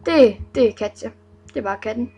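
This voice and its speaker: A woman's voice: fairly high pitch, warm tone, husky, dull audio. A young woman vlogging casually, reading out viewers' names with playful, giggly asides.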